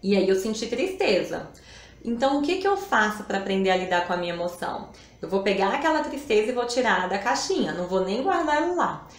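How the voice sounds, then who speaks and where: A woman speaks at an ordinary middle pitch in an unhurried, reflective way, as if thinking aloud on a live stream. She checks in with her listeners through little tag questions, and her voice carries a roomy echo. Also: very animated. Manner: reflective, conversational, often adds tag questions. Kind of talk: casual talk on emotions.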